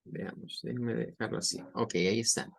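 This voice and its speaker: A man teaching English pronunciation, saying each example word over and over slowly. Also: mid-range voice, steady tone, creaky, slightly rough. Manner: patient, repeats words slowly for drilling. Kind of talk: online language lesson.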